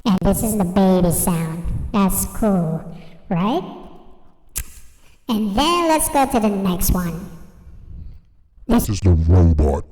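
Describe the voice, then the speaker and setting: A man demonstrating gear, talking slowly and plainly while his voice runs through a pitch-shifting voice changer. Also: very animated, dark tone, big-room sound. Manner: slow, plain explaining. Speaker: product reviewer.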